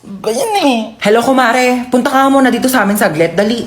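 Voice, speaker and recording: A woman's voice: a little high, brisk, background noise. A young Filipino woman acting out comic family skits, exclaiming and bickering as she switches between roles. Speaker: comedy skit creator.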